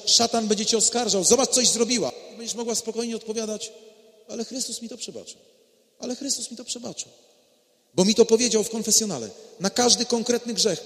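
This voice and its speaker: Preacher, male, high voice, dramatic and theatrical delivery, long church reverb. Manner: dramatic, acts out dialogue, swings from hushed to shouting. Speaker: priest leading a retreat. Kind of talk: impassioned sermon. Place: large church.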